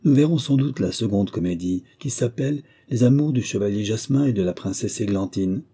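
A man's voice: fairly low pitch, fairly quick, mellow, breathy edge. A man voicing a clever little peasant boy who speaks eagerly and earnestly.

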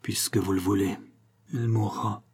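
A man's voice: on the low side, steady tone, moderate pace, gravelly, a little mellow, slightly rough. A man voicing Don José, a cunning brooding nobleman. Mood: grim. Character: cunning Spanish nobleman, tense and secretive.

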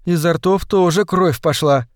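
A man reading the lines of a calm, observant woman in charge in an audiobook. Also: on the high side, a little slow, no echo, studio quality, pitched above the performer's own voice, close to an everyday voice.

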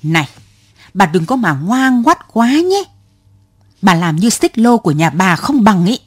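A man's voice: high-pitched, big pitch swings, a little slow, slightly rough, no room sound, exaggerated voice. A woman voicing an elderly male cyclo driver who loses his temper and snaps at a passenger, in a storybook reading. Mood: angry. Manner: exasperated, snapping.

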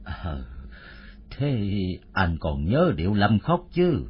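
A man doing a grave, husky old widower. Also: fairly low pitch, wildly swooping pitch, heavily acted. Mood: wary, grave. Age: 60s. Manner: slow, measured, gravely questioning. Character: grieving old widower, 69, proud and wary. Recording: muffled lo-fi audio.

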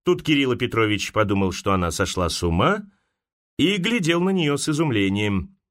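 A man from Russia reading a classic novel aloud as an audiobook narrator, dramatic and expressive. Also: medium pitch, moderate pace. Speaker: audiobook reader.

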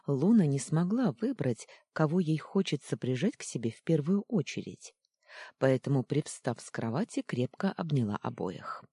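An audiobook narrator reading a children's fantasy story with expressive, lively storytelling. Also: medium pitch, moderate pace, breathy edge, no room sound.

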